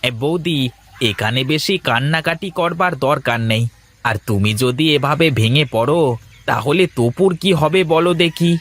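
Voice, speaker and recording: A man's voice: fairly high pitch, expressive, moderate pace, a bit bright. A man voicing a caring village neighbor who takes charge and reassures others in a cartoon story. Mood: reassuring. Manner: urgent, reassuring. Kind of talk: animated cartoon voice acting.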